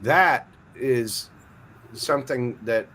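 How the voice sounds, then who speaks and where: Guy laying out his argument in a list, steady middle voice, faint hiss. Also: medium pitch, extremely slow, poor audio. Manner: explanatory, lists points emphatically. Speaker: chat participant. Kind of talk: casual group chat.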